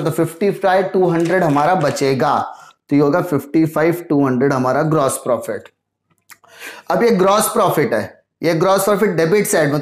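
Male teacher walking students through accounts, asks his own questions, echoey room. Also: high voice. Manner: mixes Hindi with English terms. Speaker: commerce teacher. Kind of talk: accounting lesson.

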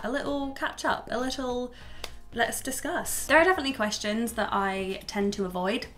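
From a small room at home, a twenty-something YouTuber chats casually to the camera with a fairly high, slightly bright voice. She's candid and swears without holding back. A cold leaves her sounding a little stuffy.

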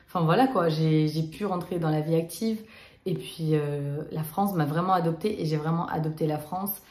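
A young Romanian woman tells a story straight to the camera in a casual vlog, her voice a little low and slightly mellow. She's chatty, with lots of fillers and restarts, and the small room echoes around her.

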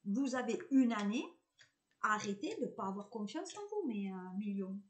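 A woman's voice: medium pitch, lively intonation, moderate pace. A woman with a southern French accent, giving a live card reading as a medium, chatty and reassuring, hesitating often.

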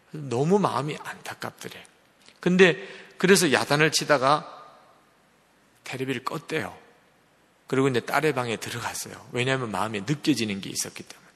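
A man's voice: fairly low pitch, gravelly, fairly bright tone. A male pastor preaching a sermon, telling a story and often putting questions to the congregation. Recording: long reverb of a large hall.

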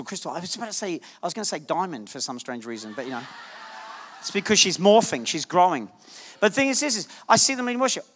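A male guest preacher giving a lively, jokey sermon to a congregation, punching points with sudden loud bursts. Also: a little high. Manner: animated, jokey, shouts for emphasis. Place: church sanctuary. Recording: church hall reverb.

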